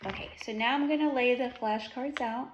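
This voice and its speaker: Female, higher-pitched, unhurried child-directed teaching voice as to a toddler, encouraging and repetitive; noisy room recording. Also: echoey room, muffled recording. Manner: encouraging, repetitive, sing-song animal sounds and praise. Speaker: teacher or speech therapist working one-on-one with a young child. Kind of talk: child-directed teaching talk, simple prompts and praise as to a toddler.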